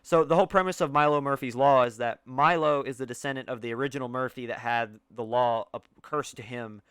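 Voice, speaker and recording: A man's voice: mid-range voice, fairly quick, fairly bright tone, smooth, no room sound. A young man co-hosting a casual film podcast, rambling with lots of fillers and restarts. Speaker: podcast co-host.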